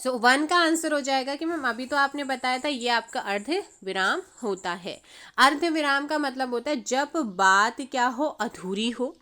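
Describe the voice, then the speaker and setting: A woman's voice: sits high, unhurried, bright, forceful tone. A woman teaching an exam-prep grammar lesson, mixing in English words and quizzing viewers with questions she answers herself. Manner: repeats her own questions and answers them, quizzing viewers; mixes English words into her speech.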